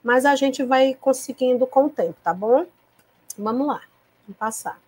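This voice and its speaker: Speaking to fellow teachers in a recorded video-call lecture, a woman from Piauí, Brazil, has a slightly higher-than-typical female voice with a breathy edge. Her delivery is calm and patient, and she often pauses with checking tags to confirm everyone follows. There's a tickly quality in her throat, like a cough is coming.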